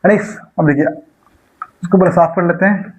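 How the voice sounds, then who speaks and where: A man with a high-pitched voice walks students through maths exam problems in an online lecture. He works each step aloud, repeats numbers slowly as he goes, and keeps asking the class rhetorical questions. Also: darkish tone, rough recording. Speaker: maths teacher.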